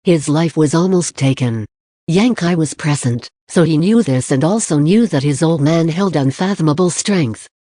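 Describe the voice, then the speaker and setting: A narrator reading a fantasy novel aloud in a steady, plain storytelling manner. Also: medium pitch, normal speed, no room sound, studio quality. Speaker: audiobook narrator. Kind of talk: audiobook narration.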